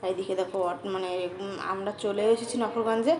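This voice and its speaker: A young woman narrating a casual family vlog in a chatty way, talking softly to her young son at times. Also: medium pitch, fairly even intonation, a little fast, noisy background. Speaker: family vlogger.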